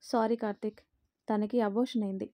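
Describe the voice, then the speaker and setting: A woman's voice: mid-range voice, steady tone, a little fast, mellow, no echo, close to an everyday voice. A woman voicing a doctor who gives firm, matter-of-fact instructions with a grave, reproachful tone.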